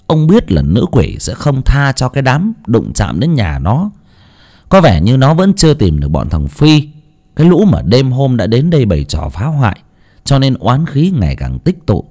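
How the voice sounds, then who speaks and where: A man narrating a ghost story with an expressive, dramatic reading. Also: fairly low pitch. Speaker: audiobook narrator.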